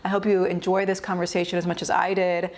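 A woman's voice: lowish voice, level tone, fast talker, darkish tone. A woman in her thirties hosting a channel, introducing a guest and asking him questions in an upbeat, chatty way. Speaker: host, interviewer. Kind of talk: video intro and interview. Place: indoor room.

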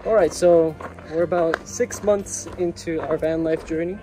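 Young man, relaxed co-host of a trail vlog, slightly high voice, outdoors on a phone, music underneath. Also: a little slow. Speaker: vlogger. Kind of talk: casual hiking vlog. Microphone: partner's phone at arm's length.

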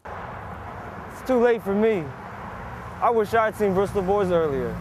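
A regretful small-time crook acted by a man gives an infomercial parody testimonial in a high male voice. Clear traffic noise surrounds him outdoors. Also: expressive, takes it slowly. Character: regretful convicted small-time weed dealer giving testimonial. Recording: noisy outdoor roadside with traffic.

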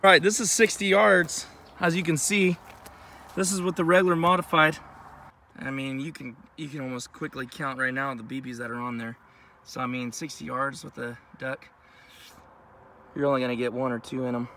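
A man's voice: mid-range voice, fairly even intonation, normal speed, bright, forceful tone, slight background noise. A man in his thirties giving a casual, matter-of-fact review at an outdoor shooting range, recorded by a camera a few steps away. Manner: plain, matter-of-fact explaining. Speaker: channel host. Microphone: camera mic at a distance.

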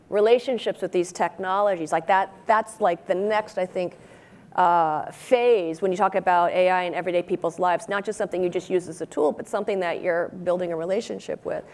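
A woman's voice: medium pitch, a little mellow. A woman in her forties speaking as a panelist on a conference stage, explaining at length with frequent "you know"s into a lapel mic. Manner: expansive, fluent explaining with many "you know"s. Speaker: panelist, robotics researcher.

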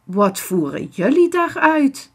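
A woman's voice: high voice, very animated, takes it slowly, voice pushed up, heavily acted. A woman voicing a watchful, suspicious mother in a children's storybook reading. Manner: calling out, questioning, warning.

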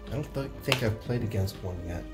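A man's voice: on the low side, brisk, over loud music. A man hosting a tabletop wargame session, chatting casually in an upbeat, jokey way. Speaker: game host. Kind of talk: casual tabletop game commentary.

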